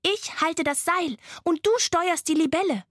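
Woman doing a bold lively little girl, high and bouncy, dry sound. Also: unhurried, dry recording. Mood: eager. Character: bold spirited girl flying a dragonfly.

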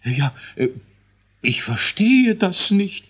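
A man's voice: sits high, very animated, slow, a bit bright, slightly rough, pitched above the performer's own voice, exaggerated voice. A man voicing a fussy, know-it-all male dwarf inventor who hems and stammers nervously. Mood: whiny.

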